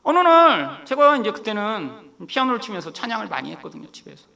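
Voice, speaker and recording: Animated, high-voiced male pastor. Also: brisk, gravelly. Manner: animated, acts out quoted lines, laughs while telling. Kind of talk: sermon with personal storytelling.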